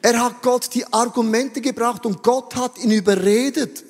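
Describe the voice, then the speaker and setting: Male preacher, high voice, husky, long hall reverb, animated sermon. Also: normal speed. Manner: animated, mixes English phrases, acts out voices.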